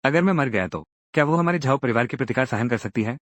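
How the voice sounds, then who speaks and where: A man's voice: medium pitch, animated, quick pace, a bit bright, dry recording, close to an everyday voice. A man voicing a blustering, stammering rich heir. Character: arrogant rich young heir turned begging coward. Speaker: dub actor. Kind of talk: Hindi dub of a drama series.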